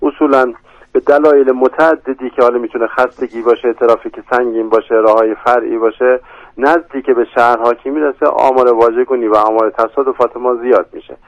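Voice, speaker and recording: A man's voice: medium pitch, steady tone, dry recording, muffled recording. A man with a Yazdi Persian accent, an emergency services official speaking in a phone-in radio interview, hesitant, with many fillers and restarts. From Yazd, Iran.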